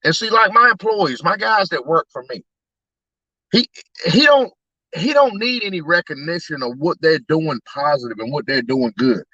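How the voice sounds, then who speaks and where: A man who runs a truck tire shop chats in an upbeat, earnest, rambling way. His voice sits a bit high and sounds sharp and forceful. The recording is dry and slightly dull, with a lo-fi edge. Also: no room sound. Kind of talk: casual chat.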